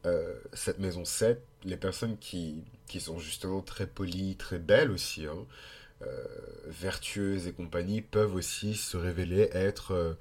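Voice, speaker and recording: Speaking with a French accent through a blocked, congested nose, a Frenchman hosts a podcast, musing hesitantly in an informal explanatory monologue full of digressions. His voice sits low, a little slow and mellow, with a breathy edge.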